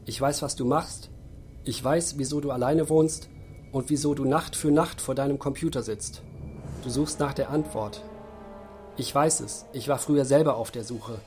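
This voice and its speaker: A man voicing a mysterious, calm male guide who talks in low, hushed, deliberate tones. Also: faint music behind, natural voice. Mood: cryptic.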